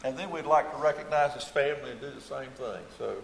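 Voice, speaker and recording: A man giving a formal speech at a public meeting, halting with many fillers and frequent throat-clearing. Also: mid-range voice. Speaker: board member presenting an award. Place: large meeting hall. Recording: echoey hall, faint room noise.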